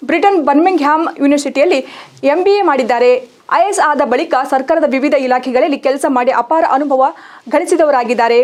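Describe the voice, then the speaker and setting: A woman reading a scripted news report in an even, formal manner. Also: high voice. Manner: even, formal read-out delivery. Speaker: news reader.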